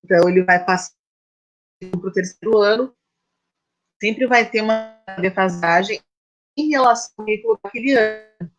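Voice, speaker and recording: Woman, teacher, earnest and explanatory, mid pitch, choppy video call audio, speech cutting out. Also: normal speed, pauses often, highs cut off, faint music behind. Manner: earnest, explanatory, restarts words. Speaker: resource room teacher. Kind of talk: speaking on an online panel. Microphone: computer or phone mic on a video call.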